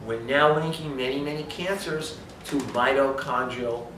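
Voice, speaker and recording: A man's voice: medium pitch, a little slow, noisy background. A man giving an emphatic health talk, lecturing and asking rhetorical questions. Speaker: speaker on supplementation. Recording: echoey room from far off.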